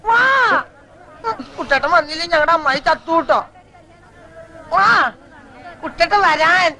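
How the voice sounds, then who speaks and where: A man's voice: very high-pitched, unhurried, pushed and bright, a faint crowd, slight background noise, heavily acted, poor audio. An actor playing a childlike, insistent simple-minded man in a film comedy. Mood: pestering, childish. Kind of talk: Malayalam film comedy acting. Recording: music behind the voice.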